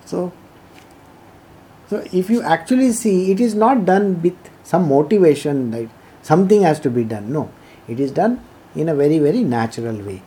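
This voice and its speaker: A spiritual teacher with an Indian accent and a soft, mellow tone at a middling pitch. The delivery moves between devotional reading and informal explanation. Points are made didactically, with key phrases repeated for emphasis. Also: animated, moderate pace.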